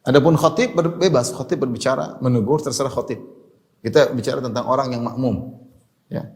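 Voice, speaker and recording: A male preacher delivering a religious lecture in a steady mid-range voice. He explains step by step and circles back to restate each point, often closing phrases with a short "ya" to check in with listeners. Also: mid-range voice, brisk. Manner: explanatory, repeats key points, tags phrases with "ya". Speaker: Islamic preacher.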